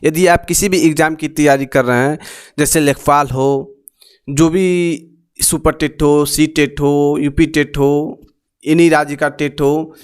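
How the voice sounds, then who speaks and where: A young male teacher with a high, clear, smooth voice leads an exam-prep grammar lesson. Patiently explaining, he goes step by step, repeating each sound and drilling it with the learners.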